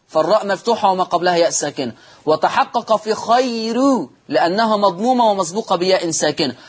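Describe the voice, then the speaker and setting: A man's voice: sits high, breathy edge. A man with an Egyptian accent teaching the rules of Quran reading on a TV lesson, explaining step by step and answering his own questions. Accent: Egyptian Arabic.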